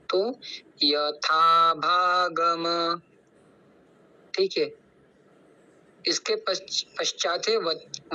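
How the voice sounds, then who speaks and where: On a video call during an online class, a young man who is a student carefully explains Sanskrit pronunciation, drawing out each syllable slowly and repeating it for practice. His voice is high-pitched and bright with a forceful tone, and the recording quality is low.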